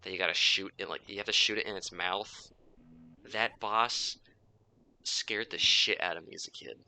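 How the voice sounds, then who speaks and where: A young man in his twenties with a low voice full of gravelly fry rambles through a gaming podcast as he plays. His tone is strikingly bright and forceful, and he swears freely. He keeps stopping and restarting his sentences in a loose, candid way. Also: fairly even intonation, normal speed. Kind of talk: casual rambling chat while playing a game.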